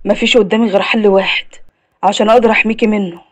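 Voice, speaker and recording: A woman voicing a protective 30-year-old man with an Egyptian accent, speaking low and reassuringly in an animated story. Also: racing, close to an everyday voice. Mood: earnest.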